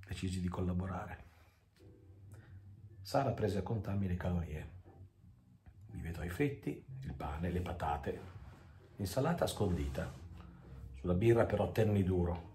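Deep, mellow male story narrator. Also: expressive, a little slow, pauses often, a little hiss or hum. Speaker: audiobook reader. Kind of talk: scripted narration. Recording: echoey room with faint music.

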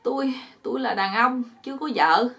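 A woman's voice: a little high, expressive, normal speed, creaky, fairly bright tone, pitched above the performer's own voice. Woman doing a whiny, begging young man. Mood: pleading. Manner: begging, whiny, breathless pleading. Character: pleading young man, bound and terrified.

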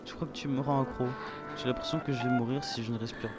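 A man reading the lines of an obsessive, clingy teenage girl from a game in a plain, even voice, with game music playing behind him. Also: mid-range voice, quick pace, natural voice. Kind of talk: reading game dialogue aloud.

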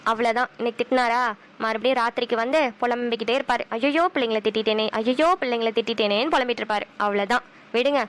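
A woman voicing a sharp-tongued but loving village mother with a Kanyakumari Tamil accent, who talks briskly and snaps back quickly. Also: fairly high pitch, steady tone, natural voice. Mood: storytelling. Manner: brisk, chatty, quick retorts.

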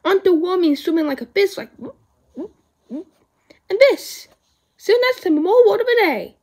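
Brief: woman host, playful underwater put-on voice, quick toy-play delivery. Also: very high-pitched, expressive, a little mellow. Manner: putting on an underwater voice. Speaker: toy story show host.

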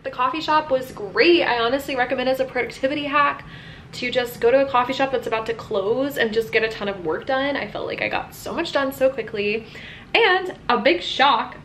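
A woman's voice: on the high side, a bit bright, a little hiss or hum. Bubbly young woman vlogging at home. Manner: bubbly, chatty, quick laughs. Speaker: lifestyle vlogger. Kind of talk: casual vlog chat to camera. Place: bright apartment room at home. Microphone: camera mic at arm's length or on desk.

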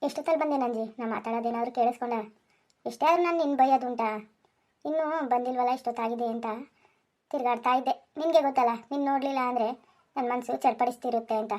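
A woman's voice: on the high side, fairly even intonation, quick pace, warm tone, lightly acted. A woman voicing a fussy middle-aged village farmer husband in a cartoon, grumbling and nagging. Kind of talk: Kannada cartoon voice acting.

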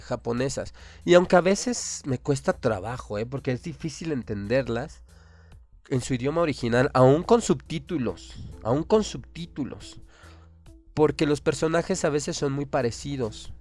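A man with a Mexican accent hosts a radio show, launching into an impassioned, opinionated monologue packed with rhetorical questions. His voice is medium in pitch with a darkish tone.

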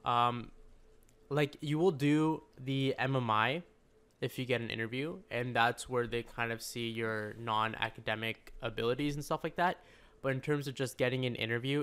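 A man's voice: medium pitch, fairly bright tone, clear, resonant tone. A young man co-hosting a casual podcast, joking with friends and then explaining application steps in an easygoing way. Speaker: podcast co-host.

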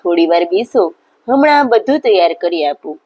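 A woman's voice: on the low side, expressive, normal speed, a little mellow, breathy edge. A woman voicing a devoted village mother who scolds the lord lovingly and emotionally. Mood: scolding.

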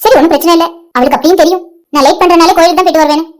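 A woman's voice: very high voice, steady tone. A woman voicing a heartbroken young woman betrayed by her lover, tearful and pleading. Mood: worried. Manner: tearful, pleading, slow when grieving. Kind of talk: amateur cartoon voice acting.

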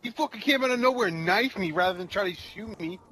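A man's voice: sits high, lively intonation, fast talker, bright, forceful tone, slight background noise. A man raging as he plays an online shooter, cursing in exasperated outbursts. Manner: raging gamer, exasperated, foul-mouthed outbursts. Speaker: video game player. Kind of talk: raging gamer commentary during online shooter.

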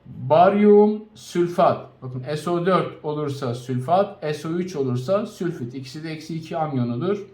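A man teaches chemistry in a recorded lesson, his voice sitting a little higher than most men's. He stretches each compound name out slowly and keeps circling back to recap the rules. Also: a little mellow. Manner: slow, spelled-out naming of compounds with frequent recaps; addresses students directly.

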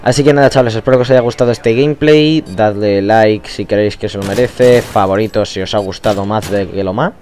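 A man with a Spain Spanish accent talks over his gameplay footage in a loose, rambling way, often restarting his sentences. His voice sits a little low. A faint hiss runs under the recording. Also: brisk, few pauses, darkish tone. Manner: rambling, with frequent restarts and fillers. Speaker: gaming YouTuber. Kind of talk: casual gameplay commentary.

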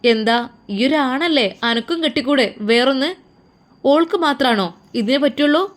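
Lady doing a pushy aunt, malabar accent, coaxing and a bit high. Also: normal speed, natural voice. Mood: probing. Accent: Malabar Malayalam. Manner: coaxing, persuasive, scolding. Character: coaxing middle-aged aunt, firm and meddling. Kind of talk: storytelling role voice.

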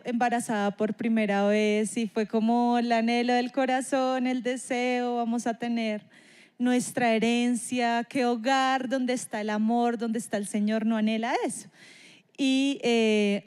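A woman with a fairly high voice tells her personal story of faith in an interview. She speaks earnestly and reflectively and takes her time with each thought. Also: darkish tone, clear, resonant tone. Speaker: church member sharing a testimony.

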